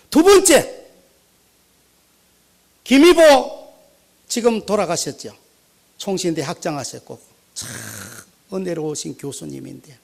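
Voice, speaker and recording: An older retired pastor with a Gyeongsang accent, telling stories in a sermon with animated shifts between loud and quiet. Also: male voice, sits high, creaky. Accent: Gyeongsang Korean. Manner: animated, anecdotal, swinging between loud and soft. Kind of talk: storytelling sermon.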